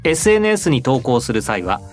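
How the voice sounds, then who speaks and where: A man's voice: mid-range voice, sing-song, brisk, faint music behind. A man hosting a radio talk show as its announcer, asking polite, attentive questions and reading out announcements. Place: radio studio.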